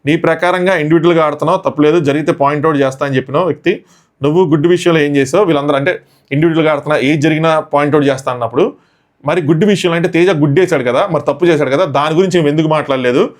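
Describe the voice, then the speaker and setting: Reviewing an episode of a reality show, this man races through his recap, barely stopping between points. He tells it as a breathless story, sprinkling in English words, in a voice that runs slightly high for a male speaker.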